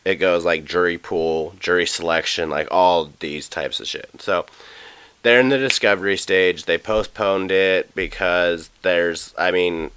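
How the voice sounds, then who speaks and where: A man co-hosting a true crime podcast, telling a case in a loose, profane, halting way with many fillers. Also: low voice, a bit bright, smooth, no room sound. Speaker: podcast co-host. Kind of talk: casual true crime chat.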